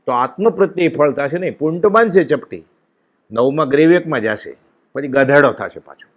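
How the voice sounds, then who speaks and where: A man's voice: fairly high pitch, animated, moderate pace. Impassioned Gujarati man giving a sermon. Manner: impassioned, with chanted verses and quoted scripture. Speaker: spiritual discourse speaker. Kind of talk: devotional sermon.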